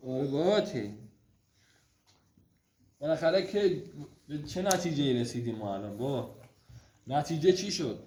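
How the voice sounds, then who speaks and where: A man at home at night, gently and affectionately coaxing his small daughter to go to sleep. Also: on the high side, lively intonation, pauses often. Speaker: father putting his toddler to bed. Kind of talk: casual talk with a small child. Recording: roomy room with faint noise.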